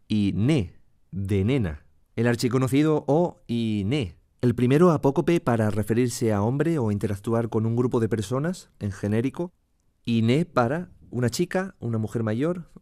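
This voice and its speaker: A man explaining grammar in a voice-over lesson, acting out example phrases clearly. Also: medium pitch, a little mellow. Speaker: language teacher.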